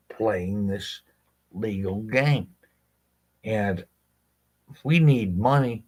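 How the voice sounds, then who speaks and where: A man, a legal rights advocate, speaking directly to his viewers in a blunt, impassioned monologue, swearing freely and asking rhetorical questions. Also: medium pitch.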